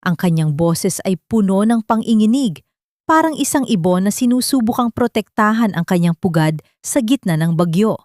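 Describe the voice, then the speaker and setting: A Filipino-accented woman narrates a scripted story with audiobook drama, her medium-pitched voice carrying lively intonation. She keeps a moderate pace and sounds a little mellow, captured dry with clean studio quality.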